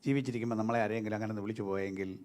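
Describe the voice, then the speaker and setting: A middle-aged man, a pastor with a Malayali accent, preaching a sermon that swings between loud and soft and drops in English words. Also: on the low side, very fast. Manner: lively preaching, rising and dropping sharply between loud and soft; mixes English words into his speech.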